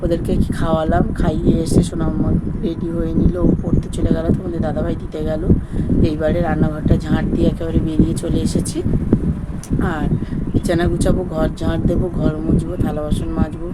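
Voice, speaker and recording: A woman's voice: deep voice, monotone, brisk. A woman, chatting to viewers as friends while doing chores and cooking at her rural home, filmed on a phone. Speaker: vlogger. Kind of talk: casual daily-life vlog narration. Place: rural home, kitchen and yard. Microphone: phone camera. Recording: loud household noise behind voice.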